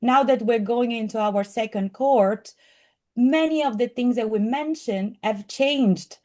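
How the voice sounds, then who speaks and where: A middle-aged woman with a strong Italian accent, giving a presentation earnestly and often pausing on fillers and restarts. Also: on the high side, dark tone. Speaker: program presenter. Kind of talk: presentation to an audience.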